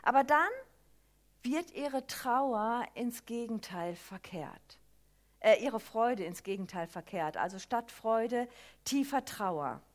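Lively, slightly high-voiced woman preaching. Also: slow. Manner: lively, emphatic storytelling with many fillers. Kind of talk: sermon retelling a Bible story.

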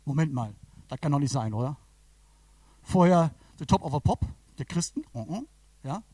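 A man's voice: a little high, normal speed, slightly rough, no room sound. A man preaching a sermon in a colloquial way, acting out the Bible characters as he tells the story. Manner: animated, colloquial, acts out the Bible figures.

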